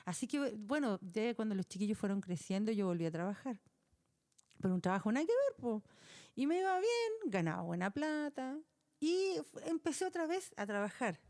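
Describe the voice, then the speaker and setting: A middle-aged woman with a Chilean accent recounts a personal testimony as a podcast guest. Her voice is mellow and warm, and her pitch swings widely as she talks. She speaks in a loose, colloquial way and laughs along with her own story. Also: moderate pace. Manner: animated, colloquial, laughs while telling.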